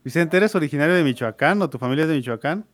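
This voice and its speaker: A man co-hosting a live radio show, making gentle, reflective remarks. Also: fairly high pitch, expressive, racing. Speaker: radio co-host.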